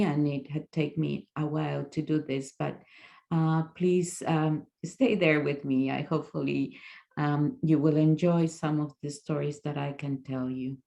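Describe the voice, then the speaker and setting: A woman's voice: low voice, gravelly, mellow. A woman in her sixties from Chile with a Chilean Spanish accent, giving a guest talk over a video call, hesitant, with fillers and restarts. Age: 60s. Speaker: guest speaker. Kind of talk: presentation talk.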